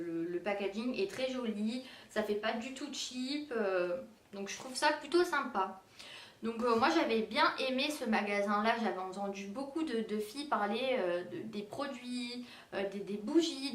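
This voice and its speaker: A young woman chatting casually through a shopping haul, hesitant, with many fillers. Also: fairly high pitch. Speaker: beauty and decor vlogger. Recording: roomy echo, distant mic.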